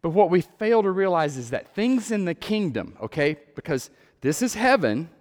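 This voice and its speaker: Texan guy preaching, kinda high voice, big hall reverb, gets loud and repeats himself. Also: very animated, moderate pace. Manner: earnest, repeats words, rises to loud emphatic peaks. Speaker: lay preacher. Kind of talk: sermon-style testimony.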